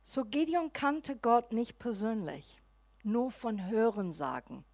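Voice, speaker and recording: Slow, high-voiced woman preaching. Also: dry recording. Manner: lively, acts out Bible characters in asides. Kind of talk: sermon.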